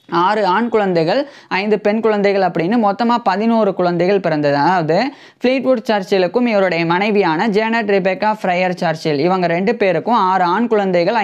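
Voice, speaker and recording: Young man explaining history, slightly dull sound. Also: sits high. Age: young adult. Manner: repeats each point and glosses English terms in plain words. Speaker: history presenter. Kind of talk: casual educational explainer. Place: indoor studio with green-screen news backdrop. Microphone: lapel mic.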